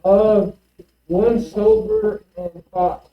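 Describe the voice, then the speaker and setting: A man's voice: sits high, very slow, gravelly, echoey room, distant mic, muffled recording. Rambling male student heard from afar. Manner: rambling, animated storyteller. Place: classroom.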